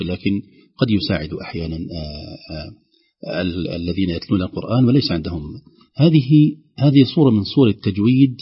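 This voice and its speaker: A man, a Quran recitation teacher, explains reading rules on the radio and slowly demonstrates words aloud. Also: low-pitched, gravelly, slightly rough, muffled recording.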